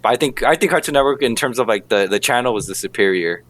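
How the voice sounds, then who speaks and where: Male co-host, argumentative and emphatic, expressive pitch. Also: fast talker, a little hiss or hum. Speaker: podcast co-host. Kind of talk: casual chat.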